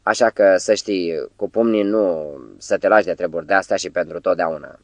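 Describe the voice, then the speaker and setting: Man reading an anxious soft-spoken patient, low voice, quiet pleading delivery, audiobook reading. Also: no echo. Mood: uneasy. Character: anxious gentle middle-aged male hospital patient.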